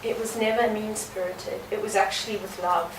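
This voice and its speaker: A woman's voice: mid-range voice, fairly even intonation. Earnest young woman. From South Africa. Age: early 20s. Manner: earnest, reflective, halting with fillers. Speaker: guest dancer. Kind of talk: conversational interview. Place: indoor art venue. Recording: roomy, distant mic, noisy background.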